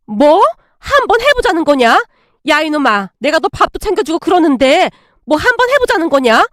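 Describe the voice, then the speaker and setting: A woman voicing a hot-tempered mother-in-law in her sixties who scolds and shouts in anger, in a story read aloud. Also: sits high, sing-song, normal speed, dry recording, studio quality. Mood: furious scolding. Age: 60s. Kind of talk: storytelling with acted dialogue.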